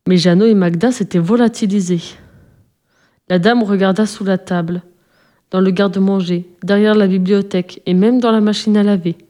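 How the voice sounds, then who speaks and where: A woman reading a children's storybook aloud as narrator, calmly and evenly. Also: medium pitch, moderate pace.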